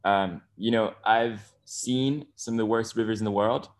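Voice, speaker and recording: A man's voice: on the low side, moderate pace. Enthusiastic young man with lots of ums. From Bali, Indonesia. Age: 20s. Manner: enthusiastic, many fillers and restarts. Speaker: guest. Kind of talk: podcast interview.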